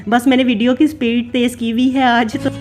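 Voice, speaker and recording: With music in the background, a Pakistani mother in her thirties narrates her home cooking and routine vlog in a casual voice-over made separately. Her voice is fairly high and flat in delivery, and she speaks fairly quickly. She goes on chattily, using "na" again and again.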